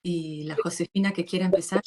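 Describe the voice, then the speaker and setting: A woman with a somewhat low voice hosts a relaxed panel talk. She introduces the guests in a measured, formal way, with the odd filler. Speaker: host.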